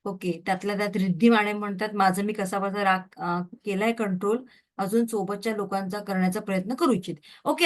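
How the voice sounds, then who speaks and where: Middle-aged woman, Reiki teacher, online class, higher voice, checks in with rhetorical questions. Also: a bit bright. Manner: switches freely into English words and phrases. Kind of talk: online training class lecture.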